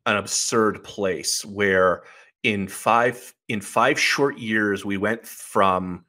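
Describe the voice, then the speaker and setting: A man's voice: lowish voice, extremely slow, pushed and bright. A man speaking as a podcast guest, laying out his arguments point by point in a sardonic, argumentative manner. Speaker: podcast guest, political commentator. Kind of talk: casual podcast conversation.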